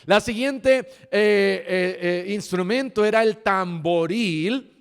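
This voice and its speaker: A man's voice: sits high, slow pace, smooth, big-room sound. A male pastor preaching a sermon to his congregation, reading scripture aloud and then explaining it with jokes. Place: church sanctuary.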